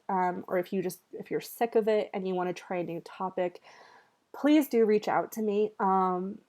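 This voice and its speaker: Woman instructor doing a recorded lecture, kinda nasal, slow and easygoing, lots of ums and "okay?". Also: medium pitch, warm tone. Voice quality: nasal from allergies. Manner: conversational, many ums and check-ins. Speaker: college writing instructor.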